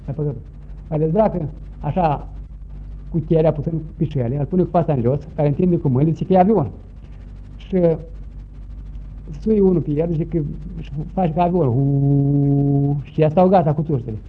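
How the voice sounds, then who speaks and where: An older man from Romania recounting old village customs in an interview, telling it vividly and acting out shouts and sounds. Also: a little high, long pauses, breathy edge. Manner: lively, acts out shouts and sounds. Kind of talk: folk storytelling. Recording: dull lo-fi recording, faint noise.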